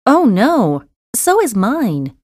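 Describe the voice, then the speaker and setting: Expressive woman in test dialogues. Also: fairly high pitch, takes it slowly, no room sound. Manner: bright, clearly enunciated conversational reading. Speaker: listening test voice actor. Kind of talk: scripted test dialogue reading. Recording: dry studio recording.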